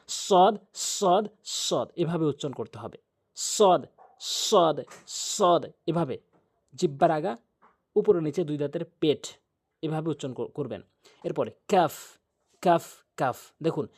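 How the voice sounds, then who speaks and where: Male Quran reading teacher, patient step-by-step instruction, repeats each letter sound slowly. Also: a little high, a little mellow. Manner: repeats each Arabic letter slowly several times to demonstrate. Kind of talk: tajweed pronunciation lesson.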